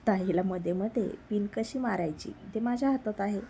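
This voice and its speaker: A woman's voice: medium pitch, a little fast, warm tone, slight background noise, lightly acted. A woman voicing a playful, teasing younger sister who plots a matchmaking scheme, in a spoken romance story.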